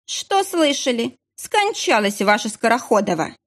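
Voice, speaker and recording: A curt, irritable hospital duty nurse, put on by a woman reading an audiobook. Her voice sits high above the reader's own and swings sharply up and down as she snaps and dismisses. She sounds shrill and impatient. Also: sing-song, measured pace, heavily acted. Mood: rude.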